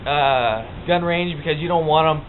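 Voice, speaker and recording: Man on muffled, lo-fi audio, explaining casually. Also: on the high side. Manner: halting, informal, plain-spoken. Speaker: hunting instructor. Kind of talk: casual unscripted how-to explanation. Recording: muffled phone-like lo-fi audio, background noise.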